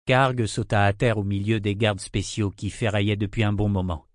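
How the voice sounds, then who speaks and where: A man reading a fantasy audiobook in a measured, steady narration. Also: on the low side, no echo, clean studio sound.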